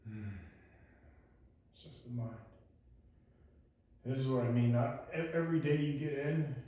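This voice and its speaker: A man's voice: mid-range voice, a little slow, warm tone. A man talking casually to camera while sitting in ice cold water in a closed garage. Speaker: vlogger doing a cold plunge challenge. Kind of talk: casual vlog talk to camera. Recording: very echoey room, faint background noise.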